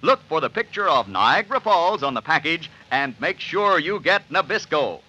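An American male old-time radio announcer delivers an enthusiastic sponsor pitch on a vintage broadcast. His voice is very bright and a little husky, swinging widely in pitch with showy emphasis. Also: big pitch swings, moderate pace, rough recording. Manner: emphatic, showy salesmanship to young listeners.

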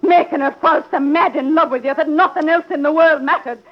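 Actress as a very high-pitched, bitter grieving mother. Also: steady tone, brisk, lightly acted. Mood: bitter accusation. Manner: melodramatic, vehement. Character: bitter, grieving, accusing mother of a dead girl. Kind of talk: old radio drama acting. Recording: dull old radio recording.

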